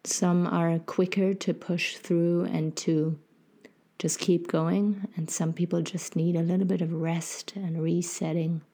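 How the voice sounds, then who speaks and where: A woman leading a guided meditation in a soft, gentle, soothing way, with phrases sometimes fading toward breathy near-whisper. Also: on the low side, level tone, slow pace. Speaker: podcast host and meditation guide.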